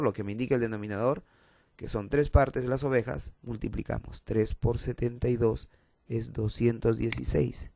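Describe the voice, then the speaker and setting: A man's voice: mid-range voice, gravelly, mellow, no echo. A man explaining fraction word problems step by step as a math teacher, patiently repeating the key rules.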